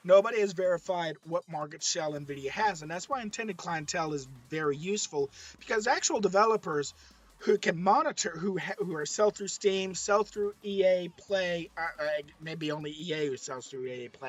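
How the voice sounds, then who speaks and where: A man presenting tech commentary with a hoarse, strained voice that is giving out, stressing his points by repeating them. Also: sits high, fairly bright tone. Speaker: streamer, presenter. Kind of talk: slide-based tech commentary.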